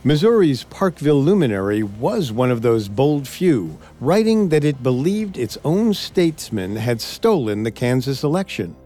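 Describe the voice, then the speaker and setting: Lively man narrating history. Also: medium pitch, normal speed, hardly any pauses. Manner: lively, dramatic reading of quotes. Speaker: podcast co-host. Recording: faint music bed.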